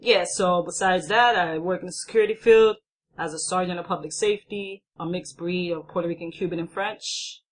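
A woman's voice: on the low side, fairly even intonation, a little fast, low-quality recording. A woman in her thirties with a Queens, New York accent, chatting casually in a joking, slangy way. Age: 30s. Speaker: guest co-host. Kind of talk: casual chat.

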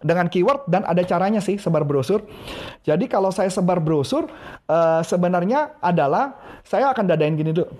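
Male NLP coach, animated live-stream teacher, lively intonation, frequent laughs. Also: high-pitched, normal speed. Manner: animated, laughs often, talks to chat viewers.

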